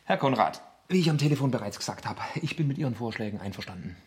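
A businesslike landowner plays the courteous host in a radio play. He talks fast in a lively, husky voice. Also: mid-range voice. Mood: polite. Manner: brisk and polite, like a host. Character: polite, businesslike West German landowner. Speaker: seller of a plot of land.

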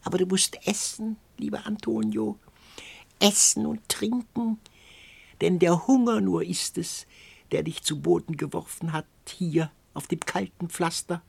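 A man voicing a cackling ancient beggar woman with a hoarse, lisping, whispery voice in an audiobook. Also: high-pitched, fairly even intonation, no echo, pitched above the performer's own voice, full character voice. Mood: wheedling. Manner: drawn-out coaxing, cackles. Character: cackling ancient female beggar, wheedling, uncanny. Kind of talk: audiobook character voice.

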